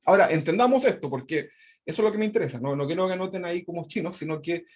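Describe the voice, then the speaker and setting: Speaking rapid-fire in a high-pitched, expressive voice, a man with a Chilean Spanish accent teaches an online Bible class over a video call. He repeats his points and keeps checking in with "¿verdad?".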